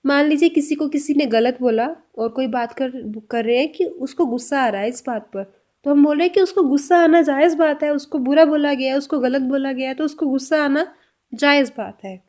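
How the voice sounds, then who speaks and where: A woman teaching language phrases, saying each example slowly and clearly twice. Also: high voice, darkish tone.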